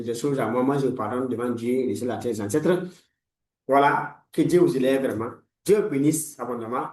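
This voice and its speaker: A man's voice: medium pitch, a little mellow, roomy sound, distant mic, poor audio. A man in his forties, a life coach giving a motivational talk in a preachy, repetitive way, full of blessings. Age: 40s. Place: room lined with books, indoors.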